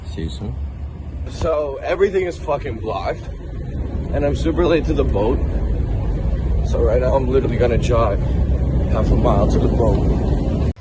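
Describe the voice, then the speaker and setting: A man from Russia, slightly hoarse and tired, talking casually to camera as he walks outdoors through busy streets. He is upbeat and rambling, and he swears casually. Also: mid-range voice, moderate pace, pauses often, heavy background noise. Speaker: vlogger. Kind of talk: casual walk-and-talk vlog.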